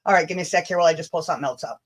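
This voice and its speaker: A Canadian woman hosts a rambling, casual livestream, sarcastic and sweary, stretching words out for emphasis and tossing in mocking asides. Her voice is deep and very fast.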